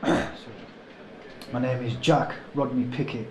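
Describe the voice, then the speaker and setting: A man's voice: medium pitch, takes it slowly, echoey room, slight background noise, natural voice, rough recording. A man playing a hesitant casual witness. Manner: hesitant, casual, filler-heavy. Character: young male witness recounting a kidnapping.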